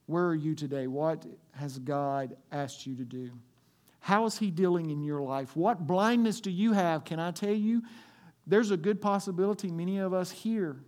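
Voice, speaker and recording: A man preaching to his church congregation, his voice sitting a bit high for a man. He swings between loud, emphatic lines and quiet, hushed stretches. He is delivering a sermon. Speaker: pastor.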